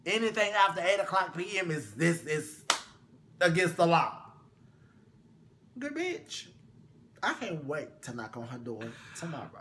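Man, sassy profane storyteller, high pitched, bright voice, faint room hiss. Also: big pitch swings, measured pace, pauses often. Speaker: vlog co-host. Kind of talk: casual gossip chat.

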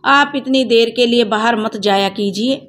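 A woman voicing a cheerful young woman who teases gently and politely. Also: a little high, measured pace. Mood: teasing. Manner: gentle, teasing. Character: young woman, cheerful, teasing sister-in-law type.

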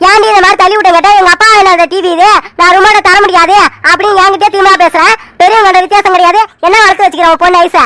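A woman voicing a quarrelsome aunt in an animated joint-family drama, scolding sharply. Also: very high voice, very fast. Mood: angry scolding.

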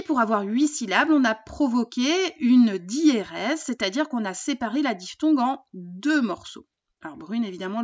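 A woman teacher giving a recorded poetry lesson. She explains patiently and often pauses with fillers. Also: fairly high pitch, lo-fi sound.

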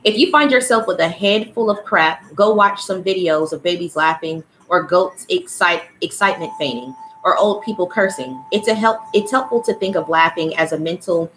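A woman's voice: on the low side, normal speed, hardly any pauses, fairly bright tone, slight background noise, poor audio. A woman giving a casual, blunt livestream oracle card reading who swears freely and calls her listeners child and y'all. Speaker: spiritual card reader.

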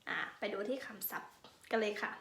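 A woman's voice: fairly quick, a bit bright, roomy sound. A woman teaching a pronunciation lesson online, patiently drawing out each vowel sound for learners to repeat. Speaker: language teacher.

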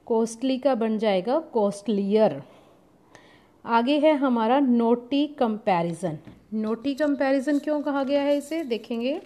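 Slow, patient woman teaching grammar. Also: a little high, mellow. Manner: patient, explains step by step, reads example sentences slowly. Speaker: English teacher. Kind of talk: explaining a grammar lesson.

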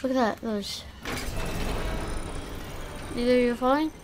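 A woman's voice: fairly high pitch, unhurried, background noise. A woman giving casual gameplay commentary, chatting to the creatures in her game. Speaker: gamer.

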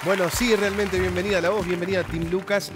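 Fast-talking coach. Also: male voice, high voice, level tone, crowd noise. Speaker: TV talent show coach. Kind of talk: encouraging feedback. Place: large TV studio. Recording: studio with music bed.

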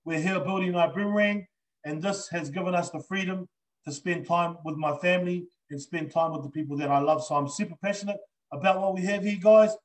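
A middle-aged New Zealand man gives a live online sales pitch over a video call, earnest and enthusiastic, with plenty of filler words. His voice is high and fairly quick, and the recording quality is low. He stands indoors in front of a green backdrop.

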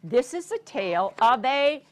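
Sitting high in pitch and very animated, her voice takes things slowly. An American woman in her sixties, she leads an interactive story time in a carpeted library program room, reading a picture book to young children in a sing-song, teacherly way and regularly prompting them with questions.

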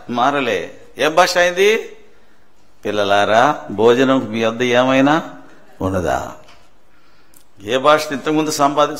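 A man preaching a sermon in a church prayer hall, speaking. His voice sits high and sounds bright and forceful. He asks rhetorical questions, answers them himself, and hammers key phrases home by repeating them.

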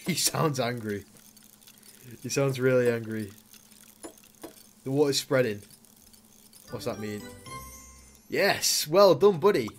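A young man gives loose, joking commentary over a game he is playing. His voice sits at an ordinary mid pitch, and he coaxes his character along with sudden loud outbursts. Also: slight background noise. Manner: chatty, talks to his Sim, bursts into loud exclamations. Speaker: gaming YouTuber. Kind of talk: casual Let's Play commentary.

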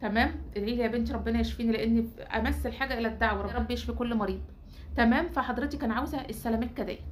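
An Egyptian woman rattles through a hair-care recipe at breakneck speed. Her voice sits high, and her tone is chatty and teasing. She talks to her viewers like sisters while she guides them step by step. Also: fairly bright tone. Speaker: beauty channel host.

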